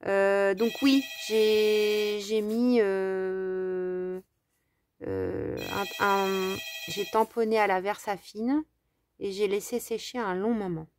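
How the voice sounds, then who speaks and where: Taking her time, a French crafting vlogger with a French accent and a mid-range, darkish voice chats with her viewers as she crafts. She speaks right to them, hesitating often and filling her thinking-aloud with fillers; a faint hiss or hum sits under the recording.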